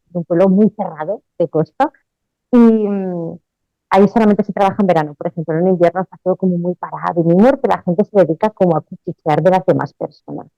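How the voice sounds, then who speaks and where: Woman guest, mellow tone, reflective and easygoing, dry lo-fi remote audio. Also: mid-range voice, no echo. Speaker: guest, dance mantra teacher. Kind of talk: interview conversation.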